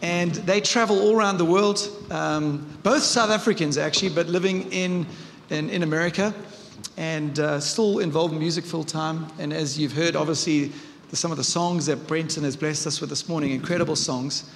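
A man's voice: a little high, fairly even intonation, normal speed, long reverb tail, slight background noise. A man hosting guests onstage at his church, interviewing them in a loose, friendly chat. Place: church hall.

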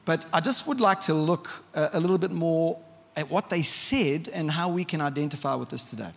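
A man's voice: a little high, lively intonation, moderate pace, vocal fry. A man preaching a sermon in a church, conversational and vivid, often asking the congregation questions. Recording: long hall reverb.

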